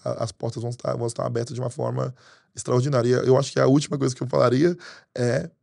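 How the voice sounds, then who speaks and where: A man in his thirties from Brazil, a pastor telling stories in a podcast interview, quick and animated, at a desk microphone in a studio. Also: mid-range voice, creaky, dry recording. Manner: fast storytelling, animated hand gestures. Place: studio with green curtains. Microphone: desk mic on arm.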